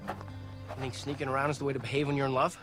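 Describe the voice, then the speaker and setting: A man's voice: medium pitch, flat delivery, fast, music in the background, natural voice. A man playing a stern, protective father and town mayor in a western drama, speaking in an emphatic, commanding way. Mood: angry, commanding. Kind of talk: period western film acting.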